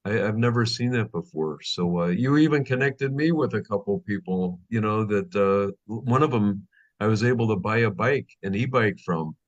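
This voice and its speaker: A man's voice: on the low side, normal speed, dull audio. A man hosting a casual interview show, upbeat and effusive with praise for his guest. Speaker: show host.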